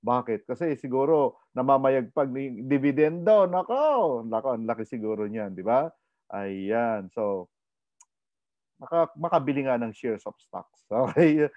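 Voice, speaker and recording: Animated Filipino man giving a seminar. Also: medium pitch, moderate pace, dry recording. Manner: animated, asks the audience questions, code-switches. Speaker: online orientation presenter. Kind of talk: energetic business seminar talk. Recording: dry, slightly muffled webinar audio.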